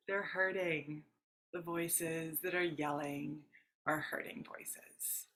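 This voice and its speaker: Middle-aged woman life coach, low-pitched and unhurried, gentle and reassuring, live-stream talk. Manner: gentle, reassuring, chatty with viewers. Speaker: self-love and relationship coach.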